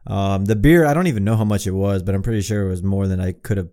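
Low-voiced and dark in tone, this Hawaii-based man talks fast while co-hosting a laid-back podcast. His humor is blunt and teasing, and he curses nonstop.

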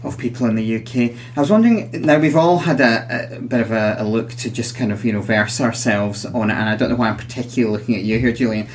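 A man's voice: mid-range voice, fast, few pauses, a little hiss or hum. A man hosting a psychology podcast in conversational style, chatty, with wry asides, in a recording room with guests.

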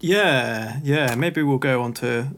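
A male podcast host leads a casual interview. He asks his questions with friendly enthusiasm and a chatty manner, in a voice of ordinary pitch. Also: takes it slowly, fairly bright tone.

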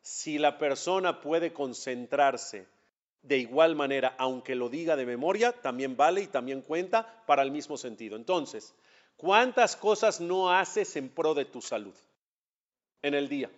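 A man's voice: on the high side, expressive, unhurried. A man, a rabbi giving a class, who asks his students rhetorical questions and answers them himself in a conversational way. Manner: conversational, addresses students directly. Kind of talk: religious class lecture. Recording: dull lo-fi class recording.

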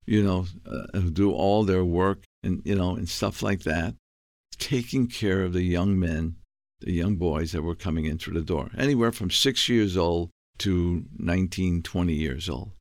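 Deep gravelly older man from the Bronx. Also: measured pace, darkish tone, no room sound, clean studio sound. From South Bronx, New York. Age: 80s. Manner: emphatic, repeats words, tags okay and all right. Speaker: guest, entrepreneur. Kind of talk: interview storytelling.

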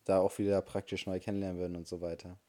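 A man's voice: deep voice, level tone, very fast, warm tone. A young man co-hosting a casual podcast chat, teasing and rambling as he talks. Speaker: podcast co-host.

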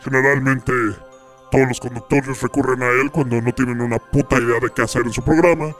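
A man with an ordinary middle-pitched voice talks in a dry, deadpan way, posing as an expert on spirits for a comedy podcast. Faint music plays behind him. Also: a little fast. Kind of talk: mock-serious explanation.

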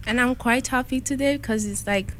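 A woman's voice: a little high, moderate pace, a bit bright. A young woman, chatting casually as a radio co-host. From West Africa. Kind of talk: casual chat. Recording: faint background noise.

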